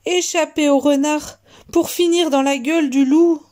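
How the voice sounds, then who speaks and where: A woman's voice: high-pitched, fairly even intonation, unhurried, a little mellow, pitched above the performer's own voice. A woman voicing a fretful little hen. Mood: whimpering. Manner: whimpering, self-pitying. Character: small fretful red hen.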